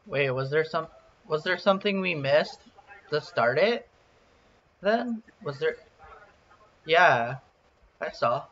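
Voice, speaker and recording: A man's voice: on the high side, lively intonation, takes it slowly, pauses often, a bit bright. A man playing a puzzle game with friends, frustrated and swearing as he works it out. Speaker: player. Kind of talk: casual gaming chat. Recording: muffled lo-fi voice chat.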